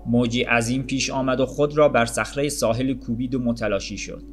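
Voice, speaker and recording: Guy reading a story aloud, calm and measured, mid-pitched voice, soft music under it. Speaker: audiobook narrator.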